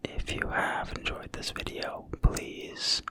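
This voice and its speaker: Whispering slowly and gently, an ASMR creator reads from a fantasy game manual. The breathy voice stays low, careful and soothing from start to finish.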